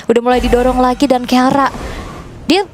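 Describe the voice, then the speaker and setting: A woman's voice: high-pitched, level tone, normal speed, slight background noise. A woman with an Indonesian accent gives chatty, conversational analysis as a live esports commentator, repeating words for emphasis. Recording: music behind the voice.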